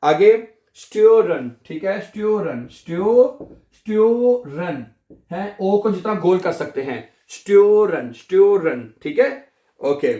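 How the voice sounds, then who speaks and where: A man teaching a language lesson, repeating each word slowly and asking and answering his own questions. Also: high-pitched, lively intonation, warm tone, echoey room.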